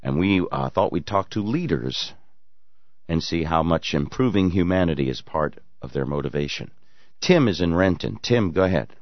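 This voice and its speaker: Low voiced guy hosting a casual call-in radio show, dry slightly dull sound. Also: animated, normal speed, dry recording. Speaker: radio talk show host.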